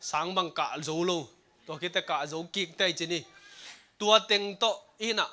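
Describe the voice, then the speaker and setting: High, bright-voiced male preacher. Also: moderate pace. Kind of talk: sermon. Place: church service streamed online.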